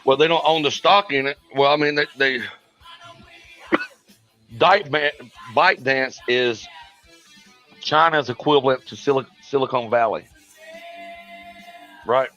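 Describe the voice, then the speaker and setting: A man's voice: mid-range voice, slow, pauses often, pushed and bright, dull audio, faint music behind. A man, co-hosting a casual podcast chat, blunt and rambling with frequent restarts. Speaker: podcast co-host.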